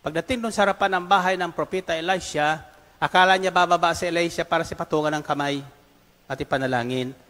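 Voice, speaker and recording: A man's voice: fairly high pitch, steady tone, fast talker, fairly bright tone. A male preacher speaking emphatically and rallying his congregation with call-and-response. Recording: long reverb of a large hall.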